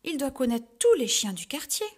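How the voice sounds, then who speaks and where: A woman reading a children's storybook, voicing an upbeat, sporty young man in a high, friendly voice. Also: big pitch swings, normal speed, slightly rough, full character voice.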